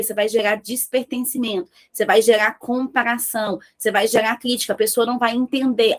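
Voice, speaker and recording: Lady coaching business owners, kinda high voice, punchy, keeps asking the room questions. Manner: emphatic, asks rhetorical questions, acts out listeners' questions. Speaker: business mentor. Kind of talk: motivational talk to entrepreneurs.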